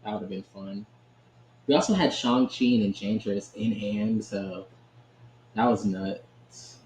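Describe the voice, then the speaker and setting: A man's voice: fairly low pitch, steady tone, measured pace, darkish tone. A man giving casual, chatty commentary while he plays a card game, often laughing and checking in with "right?". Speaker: gaming channel host. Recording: echoey room with faint ambient noise.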